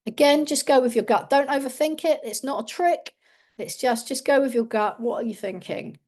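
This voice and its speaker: A woman trainer giving an online training session on a video call, calm and instructive as she coaxes the audience to answer. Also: sits high, moderate pace. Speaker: communication trainer.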